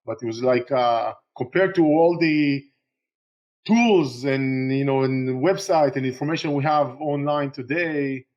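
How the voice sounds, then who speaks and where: Israeli-born man, halting, lo-fi. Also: medium pitch, a little mellow. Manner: halting, many fillers and restarts. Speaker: guest, real estate investor. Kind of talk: casual interview talk.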